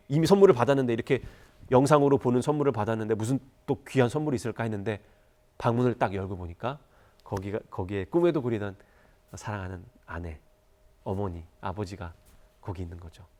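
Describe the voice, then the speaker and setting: A man's voice: mid-range voice, lively intonation, fast talker, darkish tone. A Korean man preaching a church sermon, telling a moving story and rising to fervent appeals. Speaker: pastor.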